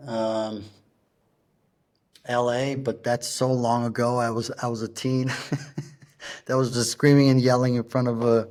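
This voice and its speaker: A middle-aged man, a punk rock singer, talking as a guest in a casual interview, halting and searching for words as he tells stories. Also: mid-range voice, little pitch movement, darkish tone.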